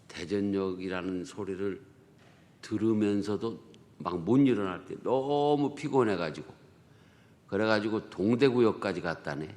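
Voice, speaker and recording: Low and a little mellow, this man's voice fills a church sanctuary with long hall reverb as he preaches a dawn prayer sermon. He speaks conversationally with a Chungcheong Korean accent, peppering it with rhetorical questions and dialect jokes.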